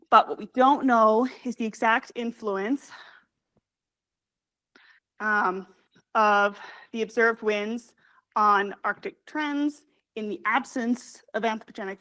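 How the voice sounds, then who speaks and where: A young woman, a graduate student, presenting her research at a scientific conference, talking quickly with many fillers and self-corrections. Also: on the high side, a bit bright. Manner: fast, hurried delivery with frequent fillers and self-corrections.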